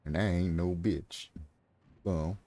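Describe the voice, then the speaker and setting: A man talking through his gameplay on a live stream, thinking aloud and throwing sarcastic asides at chat, clearing his throat now and then. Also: low-pitched, steady tone, slow, warm tone. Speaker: game streamer. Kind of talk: casual gameplay commentary.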